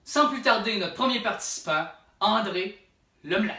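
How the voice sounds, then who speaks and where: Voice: medium pitch, moderate pace, bright, forceful tone. A contest host with a Quebec French accent, presenting in a playful, theatrical comic style. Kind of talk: comic hosting of a storytelling contest. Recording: roomy, distant microphone.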